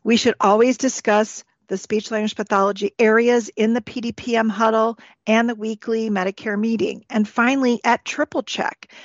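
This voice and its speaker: A woman's voice: a little high, no echo. A woman giving formal, scripted instruction as the expert on an educational podcast. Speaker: expert guest. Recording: dull, lo-fi podcast audio.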